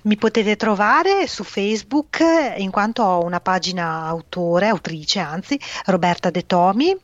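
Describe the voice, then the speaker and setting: A woman's voice: medium pitch, lively intonation, a little slow, no room sound, highs cut off. A woman author, a podcast guest, chatting cheerfully about where to find her. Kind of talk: podcast interview.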